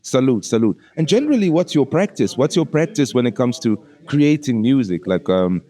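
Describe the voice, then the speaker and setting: In a relaxed podcast conversation with a musician, the male host talks in familiar slang, addressing his guest as "bro." His mellow, medium-pitched voice swings widely in pitch at a normal speed.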